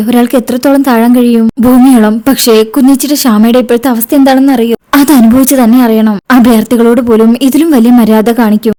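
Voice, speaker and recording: Mellow-voiced woman retelling a serial. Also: a little high. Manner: narrates and acts out each character's lines in quotes. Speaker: serial recap narrator.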